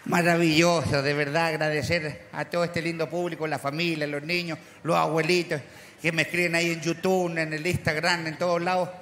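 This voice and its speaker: A man's voice: fairly high pitch, level tone, fairly quick, fairly bright tone. A male Chilean comedian doing stand-up as a rural cowboy character, with earthy crude slang and punchy delivery, on an outdoor festival stage. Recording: echoey festival sound with faint ambience.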